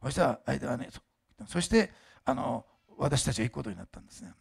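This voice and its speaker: Fast-talking older male pastor with gravelly voice. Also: mid-range voice, very animated. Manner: fast-talking, admits slurring lately; chatty and emphatic, many asides and restarts. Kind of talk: sermon with personal testimony.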